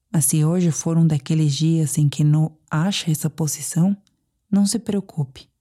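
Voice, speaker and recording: With a husky, dark and relaxed voice that sits low for a woman, a Brazilian-accented guide leads a sleep meditation. She speaks deliberately and soothingly, pausing gently.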